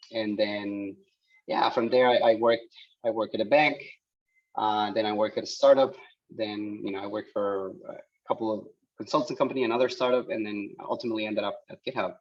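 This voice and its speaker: A man in his thirties from El Salvador, whose first language is Spanish, talks as a guest engineer on a video call, halting, with many restarts and fillers. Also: lowish voice. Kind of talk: casual talk on a video call. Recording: dull lo-fi call audio.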